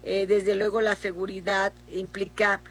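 A middle-aged Mexican woman senator answering in a political interview, speaking haltingly with many fillers and restarts. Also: mid-range voice, flat delivery, breathy edge. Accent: Mexican Spanish.

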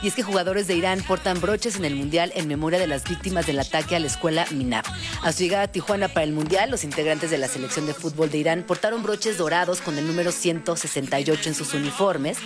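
A woman's voice: sits low, fast. Woman reading news on the radio, chatty, music under her. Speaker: radio co-host.

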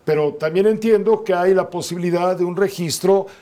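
A man's voice: sits high, brisk, dark tone. A man hosting a news interview, asking pointed, probing questions. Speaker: radio news host.

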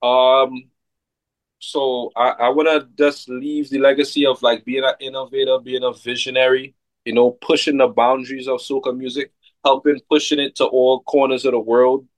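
A man, a soca artist chatting casually in an interview, relaxed and full of fillers. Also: medium pitch, moderate pace, no room sound, poor audio. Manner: relaxed, laid-back, many fillers like "like" and "you know what I mean".

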